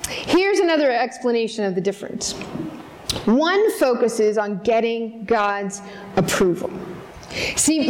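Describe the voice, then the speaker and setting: A woman with a high voice preaches to a congregation. She speaks earnestly and conversationally, turning to the listeners with direct questions. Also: a little hiss or hum. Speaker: pastor. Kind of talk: sermon. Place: church service in front of a congregation.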